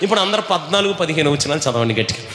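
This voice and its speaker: Loud, bright-voiced male pastor preaching. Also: on the high side, lively intonation, racing. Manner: urges the congregation to repeat lines loudly. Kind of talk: call-and-response sermon. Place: large echoing church hall. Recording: echoey hall sound, faint ambience.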